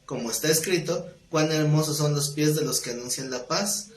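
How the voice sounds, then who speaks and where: Speaking at an ordinary pace in a voice on the high side, this man leads an exegetical Bible class: he reads scripture out loud, unpacks the passages, and poses questions to his students. There's a roomy echo with faint background noise.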